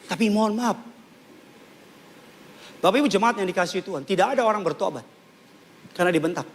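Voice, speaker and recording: A male pastor preaching a sermon to a large church congregation, animated and joking, repeating key lines for emphasis. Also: sits high, fairly quick, slight background noise.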